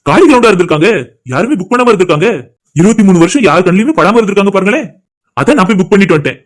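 Cartoon role: a man doing a smug young groom, high-pitched, teasing, rapid-fire. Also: lively intonation. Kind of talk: cartoon voice acting.

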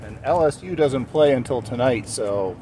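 A man's voice: mid-range voice, animated, normal speed, dark tone. A man in his fifties making dry joking asides on a travel vlog. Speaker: travel vlogger. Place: outdoors in a city. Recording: noisy, from off the mic.

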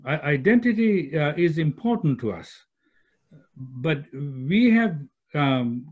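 Older man from Sri Lanka, interview guest; husky tone, dull lo-fi call audio, reflective. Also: fairly high pitch, a little mellow. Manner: thoughtful, repeats words while searching for phrasing, gestures with hands. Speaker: guest, executive director of a peacemaking institute. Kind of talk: conversational interview on a video call. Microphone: computer microphone on a video call.

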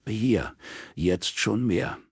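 A man reading aloud, voicing a laconic, unbothered male detective in his own deep voice. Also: expressive, very slow, slightly rough, no echo, studio quality, exaggerated voice. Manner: unbothered, terse.

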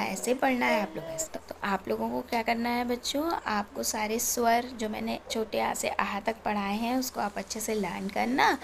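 A woman teaching young children the vowels, reciting each sound in a slow sing-song voice. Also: on the high side, gravelly, slight background noise.

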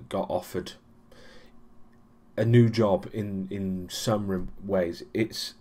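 Low-voiced man rambling through a vlog. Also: a little mellow. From Europe. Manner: rambling, many ums and restarts, dry sarcasm. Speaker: vlogger. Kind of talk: casual weekly vlog recap.

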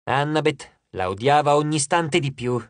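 An audiobook narrator reading a novel in an expressive, measured storytelling manner on a close studio microphone. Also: mid-range voice, no echo.

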